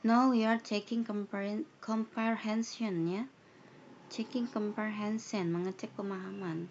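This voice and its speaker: A woman teaching an online English lesson who reads each line slowly and then translates it. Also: medium pitch, fairly even intonation, darkish tone. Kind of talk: online English lesson, reading dialogues aloud. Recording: dull lo-fi sound with faint noise.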